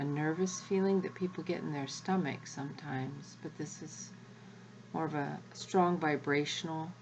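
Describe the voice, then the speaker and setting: A woman leading a guided spiritual energy activation as the guide, speaking in a measured way with long pauses between short phrases. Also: sits low, slight background noise, poor audio.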